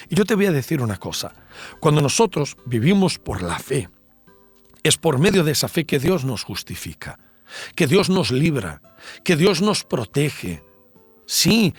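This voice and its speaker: A man's voice: fairly high pitch, husky, no room sound. A man preaching a devotional sermon, driving his points home with emphatic repeated lists. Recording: dry voice over soft background music.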